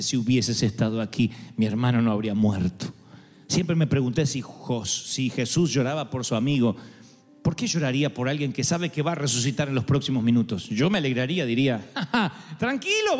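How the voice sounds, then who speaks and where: A man preaching a sermon to an audience, animated, acting out the voices of God and of people, and talking straight to the crowd. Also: medium pitch, brisk. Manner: addresses audience directly. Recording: long hall reverb with faint music.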